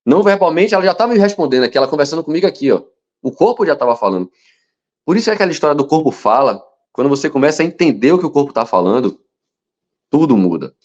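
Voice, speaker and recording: A man teaching a hypnosis lesson, telling stories with animation and sometimes dropping to a soft, slow voice to show calm. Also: a little high. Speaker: hypnosis instructor. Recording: dull lo-fi sound.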